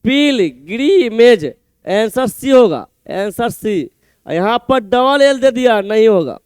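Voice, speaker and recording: Teacher, male, very high voice, dry close sound; drills spellings letter by letter. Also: lively intonation, a little mellow, clean tone, dry recording. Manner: slow, spells words letter by letter and repeats answers. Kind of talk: exam-prep spelling lesson.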